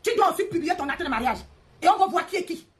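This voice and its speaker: A high-pitched woman hosts a live stream and rants at her rivals. She mocks them and repeats her jabs in a heated, confrontational way. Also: expressive, fast. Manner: mocking, repetitive, confrontational.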